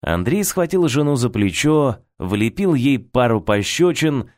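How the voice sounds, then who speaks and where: A male audiobook narrator with a mid-pitched voice and animated intonation. He tells the story expressively, recorded dry and close. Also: unhurried, dry recording.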